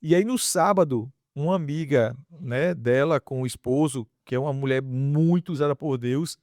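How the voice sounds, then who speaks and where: A man giving a casual faith testimony on a podcast, telling his story with lively acted-out dialogue. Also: medium pitch, normal speed, dry recording, studio quality. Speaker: podcast guest.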